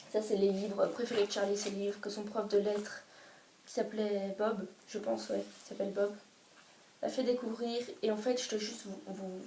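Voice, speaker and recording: A woman talks through a favourite book in a chatty, halting way, full of restarts and filler words. Her voice is mellow and sits a little far from the mic. The room echoes and a faint hiss runs underneath. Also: mid-range voice. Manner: chatty, hesitant, lots of restarts and "genre". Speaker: book vlogger. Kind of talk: casual book review. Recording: roomy echo, distant mic, faint hiss.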